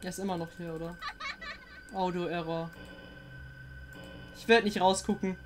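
A woman playing a horror game and commenting, jumpy and excitable, often swearing and coaxing the monster on screen. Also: on the low side, measured pace, noisy background. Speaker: let's player.

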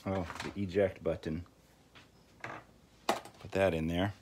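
Speaking slowly in a low-pitched, steady voice, the host of a tinkering channel guides viewers through a hands-on repair. He thinks out loud in a down-home, casual way while working at a table indoors. Clicks and handling sounds can be heard clearly over the background noise.

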